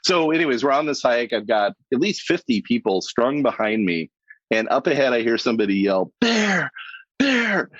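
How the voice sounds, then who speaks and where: A middle-aged man, a podcast guest, telling lively anecdotes in conversation and laughing as he goes. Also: medium pitch, a little fast, dry recording. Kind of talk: storytelling in a podcast interview. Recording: dull lo-fi sound, dry.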